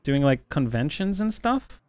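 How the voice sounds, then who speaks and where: A man's voice: fairly high pitch, big pitch swings, unhurried, a little mellow. A man streaming a card game, chatting casually and thinking through his moves aloud with plenty of fillers. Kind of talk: casual gameplay commentary.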